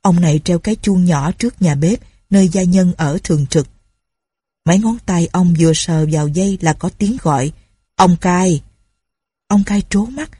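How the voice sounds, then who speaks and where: A woman narrating a story in a steady, unhurried way. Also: lowish voice, slightly rough, no echo, clean studio sound.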